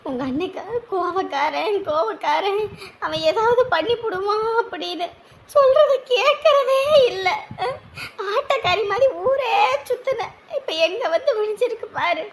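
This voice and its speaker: A shrill, scolding village aunt. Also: female voice, normal speed, slight background noise. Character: fretful middle-aged village aunt, scolding. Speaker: aunt of the bride. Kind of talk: TV drama acting.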